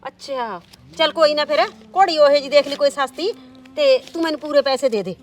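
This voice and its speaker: A woman's voice: high-pitched, brisk, lightly acted. A woman playing a scheming middle-aged village aunt who nags, coaxes and stirs up trouble. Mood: wheedling. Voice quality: loud, nagging, coaxing. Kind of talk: village drama acting.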